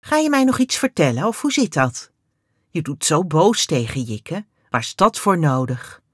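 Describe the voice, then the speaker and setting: A woman voicing a kind, gentle mother in a children's story with a soft, kindly voice. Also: low-pitched, big pitch swings, normal speed, husky, no echo, clean studio sound, exaggerated voice. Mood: reproachful.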